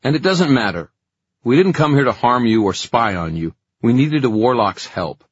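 A man's voice: medium pitch, lively intonation, moderate pace, slightly rough, no room sound, highs cut off, voice pushed up. A man doing a defiant street-smart teen boy. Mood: earnest.

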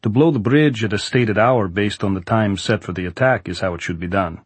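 A man's voice: fairly low pitch, a little fast, slightly rough, no room sound. A man voicing a brusque, emphatic Soviet military general, exasperated with his orders, in an audiobook. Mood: stern, insistent. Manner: emphatic, stern military officer. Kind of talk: audiobook character voice.

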